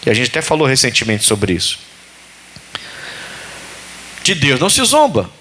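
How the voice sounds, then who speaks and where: A male pastor, preaching a sermon in a lively way and acting out biblical voices. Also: mid-range voice, moderate pace, a little hiss or hum.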